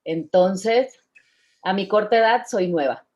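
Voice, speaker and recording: A woman's voice: mid-range voice, slow pace, darkish tone. Mexican woman in her 50s, interview guest, cheerful and a little nervous, slightly muffled call audio. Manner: cheerful, laughs often, admits nerves. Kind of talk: casual interview chat.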